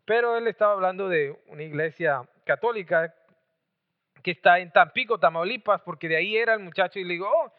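A man's voice: sits high, brisk. A man born in Mexico, preaching and telling a story with lots of chatty restarts. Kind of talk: storytelling sermon. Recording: tinny phone-like sound.

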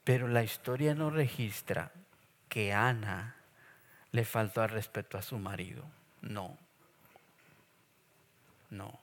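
A man preaching a sermon in a lively, joking way, with playful acted asides. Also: fairly low pitch, slow pace, pauses often. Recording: long echo of a church hall.

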